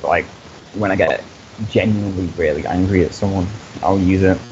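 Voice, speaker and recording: A man's voice: deep voice, fairly even intonation, normal speed. A young man on a live stream, talking earnestly and profanely, stammering through restarts. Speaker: co-host. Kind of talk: casual chat on a live stream. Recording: dull lo-fi mic with hiss.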